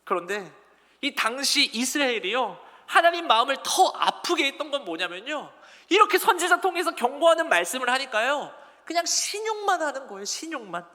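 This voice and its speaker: A male pastor delivers an animated sermon, playing out both sides of a heated dialogue and asking his listeners questions. His voice sits high and sounds bright and forceful. It carries through a church hall with a long reverb. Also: brisk. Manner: animated, acts out quoted dialogue between God and the people; talks to the congregation directly, asks them questions. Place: church sanctuary.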